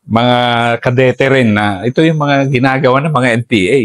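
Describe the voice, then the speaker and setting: A man's voice: medium pitch, moderate pace, no room sound, clean studio sound. A man hosting an interview, prompting his guest with brief, guiding questions. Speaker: host interviewer, retired officer.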